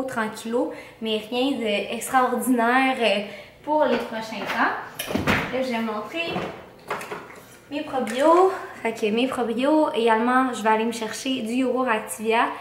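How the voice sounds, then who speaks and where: A young woman with a Québécois French accent talks in a fairly high voice, with a mouth swollen after having wisdom teeth out. She chats casually like a vlogger, dropping English slang into her sentences. The room adds noticeable echo. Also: fairly even intonation, measured pace. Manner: slangy, peppered with English words. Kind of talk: casual vlog chat. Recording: roomy echo, faint background noise.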